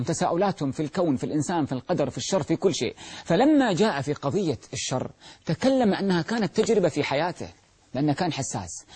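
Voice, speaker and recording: Guy giving a tv religious talk, kinda high voice, pushes his points with questions he answers himself. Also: warm tone, slightly rough. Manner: emphatic, asks rhetorical questions and answers them. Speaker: religious lecturer. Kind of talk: televised Ramadan religious talk.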